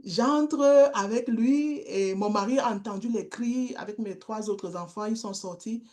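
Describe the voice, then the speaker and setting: A middle-aged woman giving a testimony, telling a story in a slow, halting way with repeated words. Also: a little high, darkish tone. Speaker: guest speaker, street-children worker.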